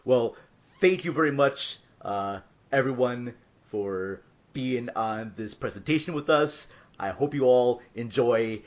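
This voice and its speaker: A podcast host speaks slowly in a medium-pitched voice, casual but somewhat hesitant and apologetic as he makes informal introductions. The voice recording is dull and lo-fi.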